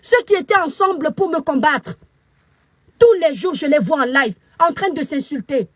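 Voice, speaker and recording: In a shrill, high voice with lively intonation and a normal speed, a very upset Cameroonian woman with a Cameroonian French accent gives an angry, preachy live video rant as a social media commentator. She scolds with emphatic repetition, recorded on her phone camera with a dry, close sound and no echo.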